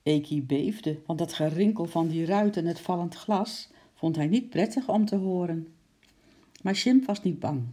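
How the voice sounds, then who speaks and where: Expressive children's story narrator, husky. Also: mid-range voice, a little slow. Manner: lively, expressive with sound effects.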